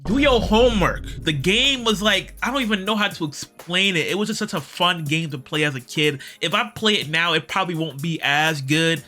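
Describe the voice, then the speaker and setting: A young man hosts a casual gaming vlog and rambles in slang about games he misses. His voice is bright and forceful and sits a bit high. Faint music plays behind him. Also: moderate pace, hardly any pauses. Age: young adult. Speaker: gaming YouTuber.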